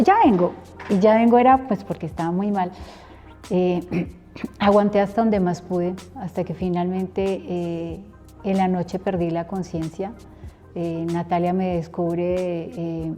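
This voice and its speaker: A woman's voice: medium pitch, dark tone. A middle-aged woman, a preacher earnestly telling her personal testimony and acting out remembered conversations.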